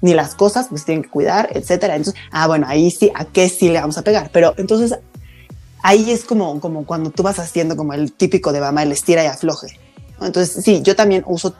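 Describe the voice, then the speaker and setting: A woman's voice: on the low side, brisk, darkish tone, faint music behind. A woman in her thirties with a Mexican accent, chatting casually about motherhood with many fillers. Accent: Mexican Spanish. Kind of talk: casual chat.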